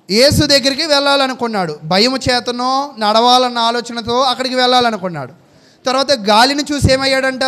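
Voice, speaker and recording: A man with a high voice preaches a sermon. He keeps asking his listeners questions and answering them himself. He stops now and then to read out Bible verses. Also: a bit bright.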